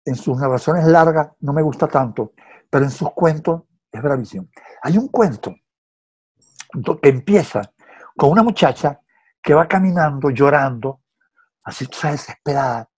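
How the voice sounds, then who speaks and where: Husky-voiced Venezuelan male co-host, rambling storyteller. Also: fairly high pitch, moderate pace, pauses often. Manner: hesitant, repeats words, storytelling. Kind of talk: casual film chat.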